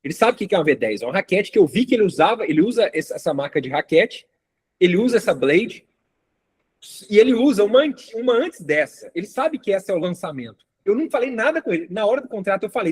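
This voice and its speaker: A man's voice: high-pitched, lively intonation, fast, a little mellow, slightly rough. A man giving a casual online class as instructor, talking conversationally, often asking "got it?" and acting out client dialogue. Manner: conversational, frequent tag questions and acted client dialogue. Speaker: course instructor.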